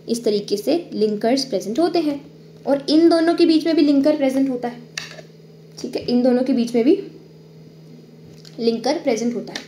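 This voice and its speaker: A woman's voice: high voice, dark tone, echoey room. Woman, biology teacher, step-by-step explaining, faint background hiss. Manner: explains step by step, checks in with "ठीक है"; drawing on screen while talking. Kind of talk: online exam-prep lecture.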